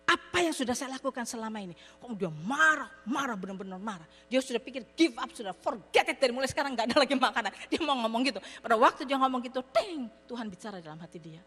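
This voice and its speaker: A woman's voice: a little high, expressive, quick pace, hardly any pauses, a bit bright, husky. Woman preaching in an echoey hall. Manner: storytelling, mixing in English words, addressing listeners as saudara. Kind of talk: sermon. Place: church hall. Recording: long hall reverb with hum.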